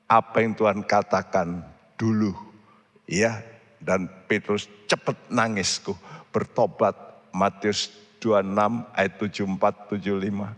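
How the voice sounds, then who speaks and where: A man delivers a sermon at an unhurried, deliberate pace, his voice sitting low. He speaks earnestly and keeps turning to the congregation. The sound carries the long echo of a big church hall. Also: fairly bright tone. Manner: earnest preaching, addresses the congregation often. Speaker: pastor.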